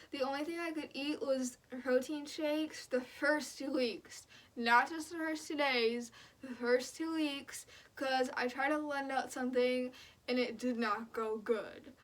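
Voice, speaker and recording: A woman's voice: a little high, a bit bright. A young woman vlogging casually about her own experience, talking in a blunt, slangy way peppered with "like". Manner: blunt, slangy, frequent "like" filler. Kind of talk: casual personal vlog recounting.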